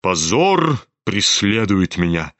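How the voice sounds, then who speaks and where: A man voicing a tearful, rambling old general in disgrace, talking slowly and grandly. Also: low voice, big pitch swings, a bit bright, dry recording, voice pushed down, heavily acted. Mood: mournful. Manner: slow, mournful, grandiloquent.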